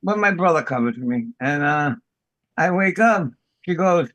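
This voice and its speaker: A man's voice: fairly high pitch, expressive, normal speed, a bit bright, no echo. Profane laughing New man. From the Bronx. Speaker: podcast host. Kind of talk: casual chat.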